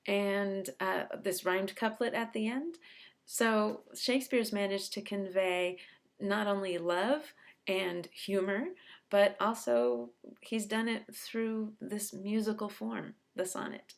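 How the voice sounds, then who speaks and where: A woman's voice: medium pitch, measured pace, vocal fry. A middle-aged woman professor explaining a poem in a chatty, enthusiastic way, sounding out its rhythm aloud. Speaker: literature professor. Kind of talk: explanatory lesson.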